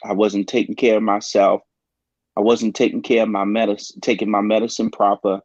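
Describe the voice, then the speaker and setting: A pastor recounts a personal story in an earnest, halting way, stopping often on ums. His voice sits low. The sound is dull and dry, like a lo-fi talk-show recording. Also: level tone, a little mellow, no echo.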